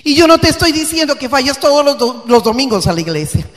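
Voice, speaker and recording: A woman pastor preaching with passion, her voice swinging from hushed to loud and emphatic. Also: sits high, fairly quick, long reverb tail. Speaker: guest pastor. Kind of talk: sermon. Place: church.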